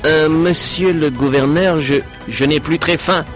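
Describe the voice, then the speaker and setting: A man's voice: a little high, measured pace, pitched above the performer's own voice, lightly acted. A man voicing a timid young man who speaks hesitantly and stammers, with music behind.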